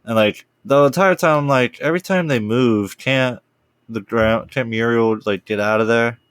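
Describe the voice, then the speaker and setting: A man's voice: medium pitch, normal speed, a bit bright, clean tone, no echo. A man co-hosting a cartoon review podcast, chatting casually, swearing and laughing as he rambles. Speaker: podcast co-host. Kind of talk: casual chat.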